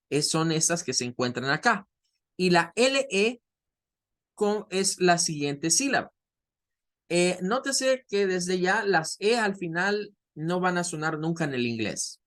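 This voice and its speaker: A man teaching an introductory English class, who explains patiently and models sounds slowly. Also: high voice, a bit bright. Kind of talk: online class lecture.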